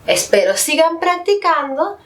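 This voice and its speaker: A Chilean woman teaching a pronunciation lesson, saying each example word slowly and with careful, drawn-out enunciation. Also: extremely high pitch, very animated, a bit bright. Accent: Chilean Spanish. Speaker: Spanish teacher. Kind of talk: slow, clear pronunciation lesson.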